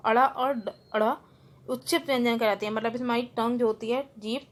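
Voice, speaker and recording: A woman's voice: a little high, steady tone, brisk. A woman, a school Hindi teacher giving an online class, who explains each rule and then repeats it in simpler words, mixing in English terms. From India.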